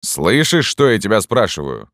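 A man's voice: low voice, animated, measured pace, no room sound, clean studio sound. A man reading an audiobook plays a stern, bearded army sergeant who asks curt, demanding questions. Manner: gruff, interrogating, curt. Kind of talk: audiobook narration.

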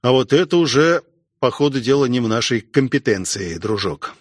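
A man voicing a gruff, wry veteran male station commander in an audiobook, talking in an unhurried way. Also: medium pitch, expressive, dry recording, clean studio sound, lightly acted. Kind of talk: audiobook character voice.

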